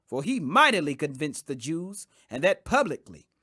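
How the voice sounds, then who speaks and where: A man's voice: a little high, big pitch swings, moderate pace, sharp tone, slightly rough, no room sound, studio quality. A man reading scripture as scripted audiobook narration, in an emphatic, dramatic manner. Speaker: scripture reader. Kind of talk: scripted audiobook narration of King James Bible.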